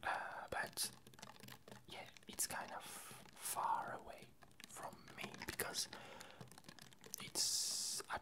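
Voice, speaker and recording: A young ASMR video creator from France chats in a whisper with a French accent, hesitating and pausing often.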